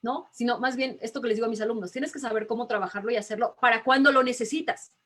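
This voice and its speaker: A woman voice teacher, talking emphatically in a relaxed interview and laughing often. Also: a little high, fast. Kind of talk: casual video-call interview.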